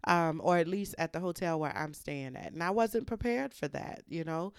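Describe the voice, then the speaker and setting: A woman hosting a podcast, telling a story in a chatty, animated way, acting out the people she quotes. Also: lowish voice, normal speed, clean tone, no echo, studio quality. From United States. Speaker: podcast host. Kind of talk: casual storytelling monologue. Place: hotel room.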